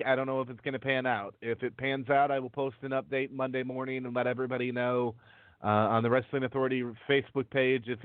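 A man's voice: mid-range voice, dry recording. Man co-hosting a podcast, tinny phone-like sound. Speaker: podcast co-host. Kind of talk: casual chat. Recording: tinny, phone-like dry connection.

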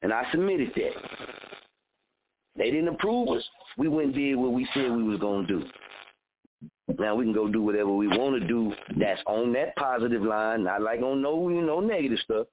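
Speaking at a moderate pace in an expressive, mid-range voice, a man in his thirties hosts a radio show and gives a blunt, energized motivational talk heavy with repetition and cursing. The sound is narrow like a phone call, with a faint hiss or hum.

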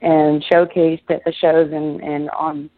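A woman's voice: sits low, flat delivery, unhurried. A woman from Israel, a musician being interviewed, talking casually and rambling with many restarts and fillers. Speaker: musician guest. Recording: tinny phone line.

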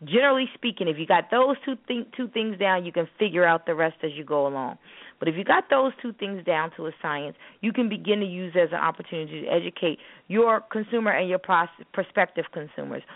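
Repeating phrases to drive her points home, a woman co-host of a spoken word business show, herself a spoken word artist, speaks emphatically and instructively in an opinionated discussion. Her lowish voice is expressive and brisk without echo, though it sounds muffled and narrowband, as if over a phone line.

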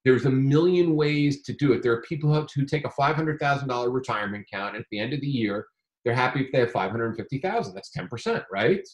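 A man talking casually about his day trading, animated and rambling, with frequent restarts. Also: medium pitch, fast. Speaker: day trader. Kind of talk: casual conversation.

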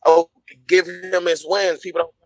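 A man chats in a blunt, casual way, hammering the same point over and over. His remote mic crackles and keeps cutting out, leaving gaps in his words. His voice sits a little high and sounds close and dry. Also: level tone, normal speed, dry recording, faint music behind. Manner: blunt, repeats points for emphasis. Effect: mic cutting out, crackly dropouts. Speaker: co-host on a call-in panel. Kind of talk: casual chat. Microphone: remote mic over a call.

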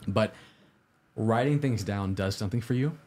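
A man with a fairly low voice hosts a casual livestream. He delivers advice in an upbeat, orderly vlogger manner, talking informally and directly to his viewers and often putting questions to them. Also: moderate pace, darkish tone. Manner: informal, conversational, posing questions to the audience. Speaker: host of a live-streamed IT study show.

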